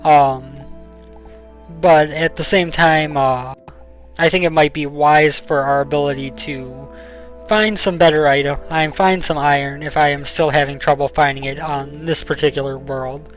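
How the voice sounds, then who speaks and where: A man's voice: a little high, measured pace, faint music behind, rough recording. Chatty young man explaining a game. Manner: relaxed and explanatory, frequent ums. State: hiccups. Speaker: let's play host. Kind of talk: casual gameplay commentary.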